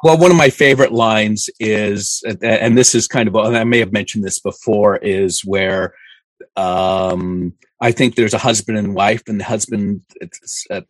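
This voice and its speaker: A man's voice: lowish voice, no echo. A man in his fifties co-hosting a podcast, chatting casually with dry, teasing humor over a video call. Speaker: podcast co-host. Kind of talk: casual chat.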